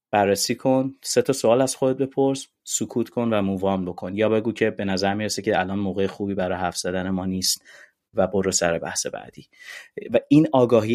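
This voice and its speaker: A podcast guest, eagerly explaining ideas in casual conversation and mixing in English terms. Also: male voice, lowish voice, a little mellow.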